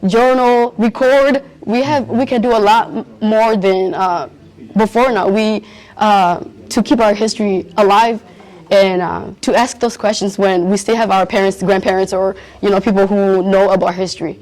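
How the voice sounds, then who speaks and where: Young adult, interviewee, earnest, halting, medium pitch. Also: steady tone, a little mellow, low-quality recording. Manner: earnest, searching for words. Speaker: youth interviewee at a community event. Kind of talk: casual interview answers.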